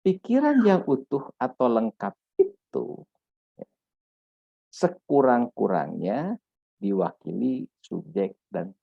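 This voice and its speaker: A man's voice: mid-range voice, vocal fry, mellow, breathy edge, dry recording. A man lecturing on grammar in a patient, repetitive way, checking in with "ya" often. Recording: dull lo-fi dry recording.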